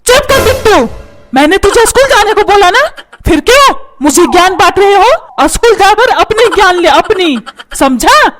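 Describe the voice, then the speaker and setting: A woman's voice: extremely high pitch, very animated, normal speed, over music. A woman voicing a short-tempered, stingy middle-aged father in a cartoon, scolding and barking orders. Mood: angry scolding. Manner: scolding, shouting orders, repeats words mockingly. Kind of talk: cartoon comedy voice acting.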